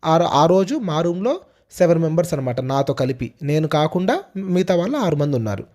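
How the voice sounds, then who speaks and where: Young guy telling his own ghost story, slightly high voice, mellow tone, keeps repeating himself. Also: lively intonation, brisk. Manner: casual, repetitive retelling with hesitant restarts. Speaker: storyteller host. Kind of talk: first-person ghost story narration.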